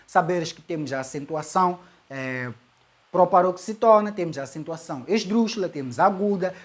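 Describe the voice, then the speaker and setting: Lady teacher w ish walking thru an exam answer, keeps saying ok?. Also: fairly low pitch. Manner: explains step by step, repeats key words, asks "ok?". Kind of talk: exam-solving lesson.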